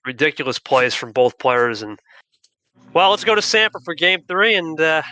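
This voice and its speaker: A man leading the commentary on a card game match, excitable and passing questions to his co-hosts. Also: fairly high pitch, moderate pace, no room sound, poor audio. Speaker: lead commentator.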